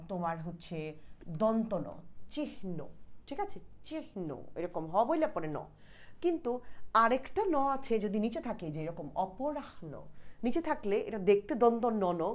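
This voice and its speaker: A woman with a Bangladeshi Bengali accent teaching an exam-prep grammar lesson, explaining patiently, repeating points and asking checking questions. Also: medium pitch.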